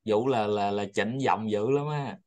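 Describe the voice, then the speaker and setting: A man's voice: on the low side, unhurried, darkish tone. A man hosting a study group, chatting casually and rambling, often repeating his words.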